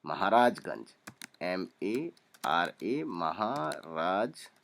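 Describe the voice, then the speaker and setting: A young man teaching a spelling lesson, calmly spelling out names letter by letter and repeating each one. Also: sits low, very slow, vocal fry.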